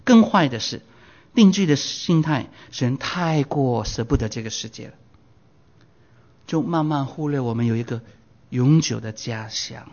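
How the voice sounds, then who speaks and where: Animated older man preaching a sermon. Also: moderate pace. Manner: animated, voice surging high and loud for emphasis; drops English phrases into Mandarin. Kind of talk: Bible sermon. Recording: dull lo-fi recording.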